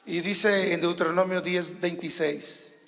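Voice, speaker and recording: A man's voice: high voice, steady tone, a little slow, a bit bright, in a large hall. A man with a Mexican accent, a pastor preaching a sermon on a handheld microphone in a church, emphatic and calling out questions to the congregation. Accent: Mexican Spanish. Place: church sanctuary.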